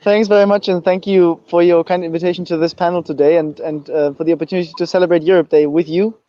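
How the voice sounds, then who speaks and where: Young man, from Austria, higher voice, mellow tone, hesitant, lo-fi video call. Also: fairly even intonation, fast talker. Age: young adult. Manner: hesitant, many fillers and restarts. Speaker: youth movement president, panel guest. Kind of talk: panel remarks.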